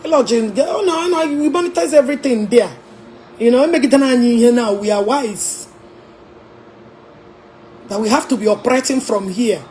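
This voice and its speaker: A Nigerian woman with an Igbo-tinged accent chatting on a casual livestream from a hotel room, animated and laughing, mixing English and Igbo. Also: fairly high pitch, normal speed, long pauses, slight background noise. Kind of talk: casual live-stream chat.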